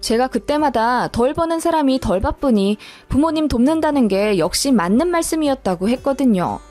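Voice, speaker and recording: A woman reading a first-person story aloud in a calm, matter-of-fact storytelling manner. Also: high voice, normal speed, faint music behind. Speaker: story narrator.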